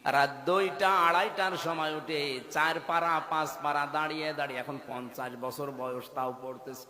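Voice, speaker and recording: A man in his thirties preaching a sermon, dropping to low murmurs and rising to loud chanted peaks. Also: fairly even intonation, moderate pace. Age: 30s. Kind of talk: Bengali waz sermon with chanted passages. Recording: echoey hall with long reverb.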